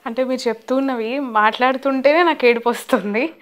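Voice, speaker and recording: A woman's voice: sits high, a little fast. A woman interviewing a guest, asking coaxing, admiring questions.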